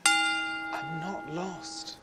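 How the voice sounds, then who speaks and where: A man's voice: fairly high pitch, fairly even intonation, extremely slow, over music. An actor playing a proud, defensive teenage boy in a fantasy film. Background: loud film score.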